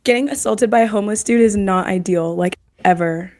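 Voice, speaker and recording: A woman on a casual podcast, mostly listening and chiming in with short remarks. Her voice sits in a middle pitch, and she sounds sympathetic and easygoing. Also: a little fast, darkish tone. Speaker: podcast co-host. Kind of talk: casual chat.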